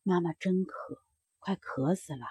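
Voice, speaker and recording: A woman's voice: lowish voice, measured pace, a little mellow, husky, no echo. A woman voicing a sick, thirsty mother in a storybook, speaking faintly with a shaky voice. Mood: weak pleading.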